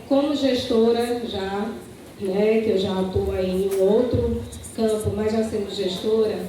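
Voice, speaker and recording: A woman giving a measured, formal opening statement as a candidate in a campus debate, often adding little "né" tags. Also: a little high, mellow, slight background noise. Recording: echoey room, voice picked up from far off.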